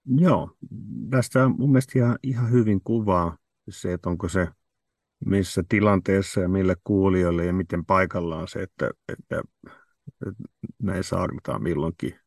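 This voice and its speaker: A man's voice: low-pitched, vocal fry, darkish tone, no echo, clean studio sound. A man hosting a podcast discussion, thinking aloud and often repeating words as he works through a question.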